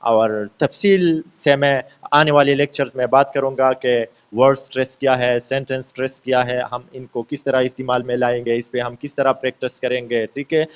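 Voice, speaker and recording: A man teaching a lecture, explaining slowly with many "uh" fillers, mixing Hindi-Urdu with careful English sentences and often checking in with his students. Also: mid-range voice, steady tone, smooth, highs cut off. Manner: explains slowly, repeats points and checks in with "theek hai?"; hesitant with frequent "uh" fillers.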